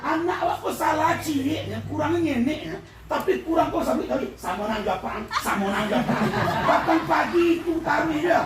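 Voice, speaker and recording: A man with a Minangkabau accent giving a lively religious talk at a school event, quizzing the audience and often shouting and laughing. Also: extremely high pitch, moderate pace. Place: large indoor hall with an audience. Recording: echoey hall, far from the mic, with a crowd and noise.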